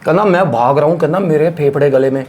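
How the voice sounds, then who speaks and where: A man's voice: fairly high pitch, fast, a little hiss or hum. A young man animatedly retelling a fisherman's ghost encounter on a horror podcast, swearing freely. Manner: animated retelling of another man's account, frequent swearing. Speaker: storyteller.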